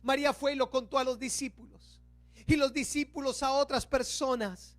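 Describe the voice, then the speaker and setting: A man preaches an Easter sermon. He speaks with emphasis and slows down on key words. The sound is close and dry, with no room echo. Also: extremely high pitch, steady tone. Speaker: pastor.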